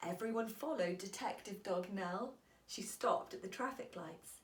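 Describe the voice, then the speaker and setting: A woman with a mid-range voice reads a children's storybook aloud as a teacher would, expressive and deliberate in her storytelling. The room around her is echoey.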